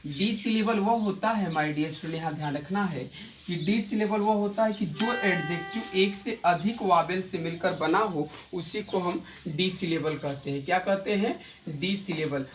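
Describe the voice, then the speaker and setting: A male English grammar teacher giving a classroom lesson, repeating key points and quizzing his students with quick rhetorical questions. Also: sits high. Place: coaching institute classroom. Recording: echoey room, distant mic, faint noise.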